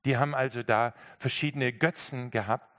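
A man preaching to his congregation in a mid-pitched voice. He tells a story with emphatic, lively delivery and often speaks straight to his listeners. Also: normal speed. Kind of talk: sermon with storytelling.

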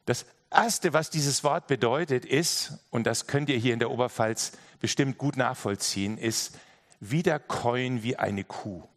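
A man's voice: medium pitch, unhurried. A man preaching a sermon in an earnest, direct way, speaking straight to his listeners and often repeating his phrases.

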